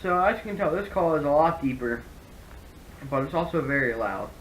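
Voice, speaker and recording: A man's voice: fairly high pitch, animated, moderate pace, very noisy. A man giving a casual, rambling product review, often correcting himself as he explains. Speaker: hunting gear reviewer.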